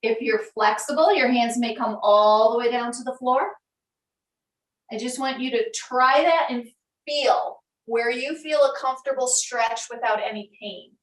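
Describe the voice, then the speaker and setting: A female yoga instructor leads her students through poses, giving calm cues one step at a time. Her slightly high voice sounds a bit far from the mic, and she speaks somewhat slowly in an echoey room.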